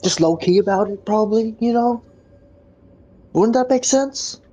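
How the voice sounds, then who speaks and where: A man's voice: high-pitched, unhurried, mellow. A man in casual voice chat, rambling through a story and acting out what his friend said, swearing freely.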